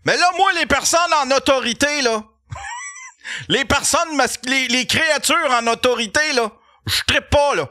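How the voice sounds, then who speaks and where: A man with a Québécois accent, a podcast host telling a comic story in an animated, profane way and laughing as he goes. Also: extremely high pitch, no echo, clean studio sound. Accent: Québécois French.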